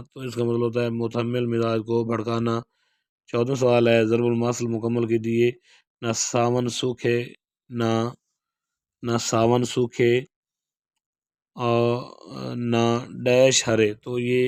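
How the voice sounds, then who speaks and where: A man's voice: mid-range voice, smooth, dry recording, clean studio sound. A man, teaching an exam-prep lesson, reading each question and then explaining the answer. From Pakistan. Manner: steady explanatory delivery, reads question then gives answer. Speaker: Urdu lecturer. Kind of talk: exam prep lecture going through model paper answers.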